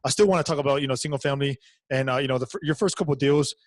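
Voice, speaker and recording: A man's voice: medium pitch, racing, no room sound. A man hosting a podcast interview, friendly and a bit hesitant, with lots of filler words. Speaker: podcast host.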